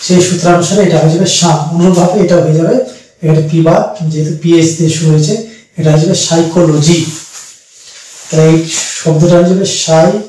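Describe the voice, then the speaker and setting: A man teaching an English pronunciation lesson, explaining slowly and repeating each word. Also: a little high, fairly even intonation, mellow, very echoey, far from the mic, a little hiss or hum, poor audio. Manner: slow, repetitive explaining with fillers.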